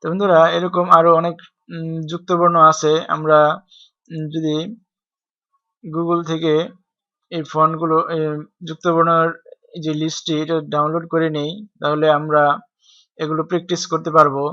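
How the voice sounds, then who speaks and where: A man's voice: on the high side, completely flat delivery, moderate pace, pauses often, sharp tone, dry recording. A man gives a screen-recorded typing tutorial, explaining step by step and spelling out keys letter by letter. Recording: dry, dull lo-fi home recording.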